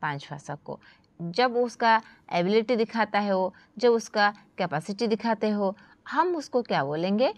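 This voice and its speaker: A woman teaching an English grammar lesson, addressing her students as children and saying the English examples slowly and with stress. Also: mid-range voice, expressive, dry recording.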